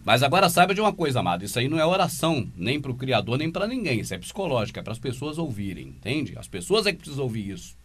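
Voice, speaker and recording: A man's voice: mid-range voice, big pitch swings, fast, hardly any pauses, a bit bright, breathy edge. A man giving emphatic, scornful commentary over a sermon he plays. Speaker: religious commentator.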